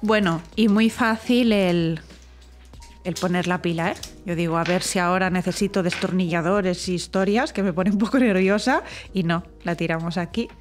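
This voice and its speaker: A woman's voice: on the low side, moderate pace, soft background music. A young woman with a Spain Spanish accent, vlogging casually to her viewers, chatty and exclamatory as she thinks aloud during chores. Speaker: home decor vlogger. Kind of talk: casual vlog chat to viewers.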